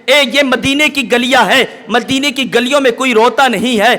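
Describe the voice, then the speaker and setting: A man preacher voicing a kind elder who gently consoles a crying child. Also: extremely high pitch. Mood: consoling. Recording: long hall reverb.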